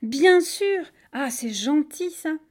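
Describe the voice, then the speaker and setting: A woman's voice: sits high, expressive, unhurried, darkish tone, voice pushed up. A woman voicing a sly, hungry male crocodile who plays at being a friend in a storybook reading. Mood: delighted. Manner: sugary, overly friendly, sheepish.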